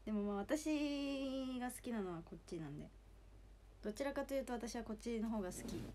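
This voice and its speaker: Young woman, hoarse and high-pitched, chatty and giggly livestreamer reading out fan comments. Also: animated, a little fast, mellow, a little hiss or hum. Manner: chatty, giggly, thanks viewers by name. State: hoarse after two shows. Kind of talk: casual livestream chat.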